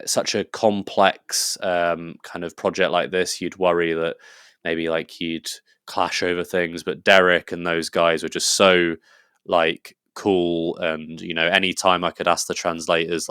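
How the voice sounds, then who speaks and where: A man's voice: low-pitched, fairly even intonation, unhurried, fairly bright tone, smooth, dry recording, clean studio sound. An English man talking as a podcast guest in a casual, rambling and enthusiastic way, full of fillers and restarts. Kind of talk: casual conversational interview.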